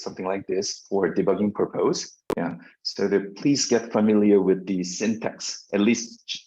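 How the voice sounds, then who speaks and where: In this dull lo-fi lecture recording, a Korean-speaking man teaches a university class, his delivery broken up by fillers and restarts. He has a low-pitched voice that is gravelly and a little mellow.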